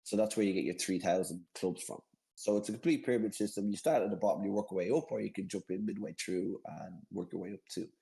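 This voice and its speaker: With a deep, gravelly and warm voice, an Irish man explains a game in a loose video-call chat. He rambles, keeps repeating himself and laughs readily when he slips. Audio quality is poor.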